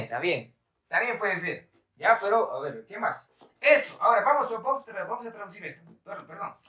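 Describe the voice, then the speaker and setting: A man's voice: sits high, fairly bright tone, roomy sound, distant mic. Chatty man teaching on a live stream. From Bolivia. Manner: chatty, laughing, reads viewer comments aloud. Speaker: Quechua teacher. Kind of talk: live-stream language lesson.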